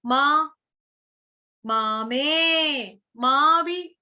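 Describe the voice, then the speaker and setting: A woman teaching Sanskrit verse recitation in an online class, breaking words into syllables and repeating them slowly. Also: high voice, sharp tone, lo-fi sound. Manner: slow syllable-by-syllable chanting with repeated drills. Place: online class over video call.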